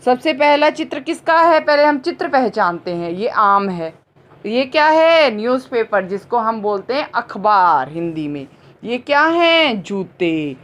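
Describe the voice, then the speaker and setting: A woman teacher giving a grammar lesson to young children, slowly repeating each word and answering her own questions. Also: fairly high pitch, sing-song, fairly bright tone. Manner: drawn-out words, slow and patient. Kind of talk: slow, clearly spoken grammar lesson for children.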